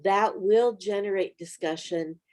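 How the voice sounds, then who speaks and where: A middle-aged woman who wrote and co-hosts a Bible study speaks in a mid-range, slightly mellow voice at an unhurried pace. Her casual teaching is earnest and encouraging, full of practical pointers for group leaders.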